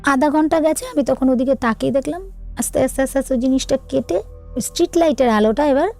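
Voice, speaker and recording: A woman, telling her own true ghost story in an earnest, halting, hushed way. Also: high-pitched, soft background music.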